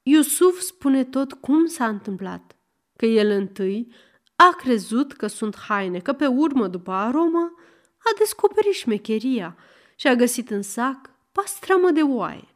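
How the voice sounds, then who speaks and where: A woman narrating a folk tale in a lively, animated reading. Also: sits high. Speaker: storyteller. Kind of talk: storytelling narration.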